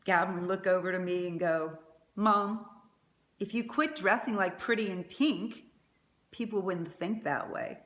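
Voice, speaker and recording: A woman's voice: mid-range voice, measured pace, a bit bright. A middle-aged woman giving a prepared eulogy as a mother, speaking in a tender, faltering way. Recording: echoey room.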